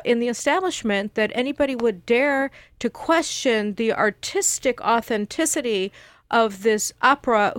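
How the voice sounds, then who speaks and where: A woman's voice: on the high side, dry recording. A woman from the United States, a political analyst guest on a radio panel, arguing emphatically in long sentences.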